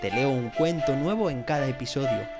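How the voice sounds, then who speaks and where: A man narrating a children's story with an expressive, animated reading as a podcast host. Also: mid-range voice, fairly quick, over loud music. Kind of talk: scripted bedtime story narration.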